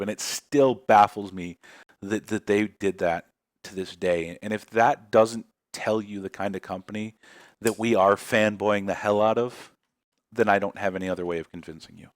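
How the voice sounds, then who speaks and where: A man's voice: lowish voice, steady tone, normal speed, no room sound, clean studio sound. A man hosting a casual community livestream chat, rambling and emotional, with many restarts. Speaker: community podcast host.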